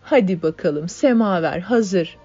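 A worried old mother speaks in brief, plain, anxious phrases, as a woman reads her in an audiobook. The voice is low-pitched, and the recording is dull and lo-fi. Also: lively intonation, measured pace, warm tone. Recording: dull lo-fi audiobook, faint music.

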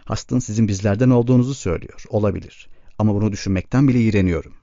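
A tough young camp guard with a blunt, threatening way of talking, as a man reads him. The voice is low and dark. The sound is dry and slightly muffled. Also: rapid-fire, creaky, dry recording. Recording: dull lo-fi recording.

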